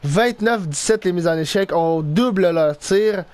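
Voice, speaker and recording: Excitable Québécois man narrating his hockey game. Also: high-pitched, a little slow, no room sound. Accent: Québécois French. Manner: excitable, swings between groans and shouts. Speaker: gaming YouTuber. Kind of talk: live gameplay commentary.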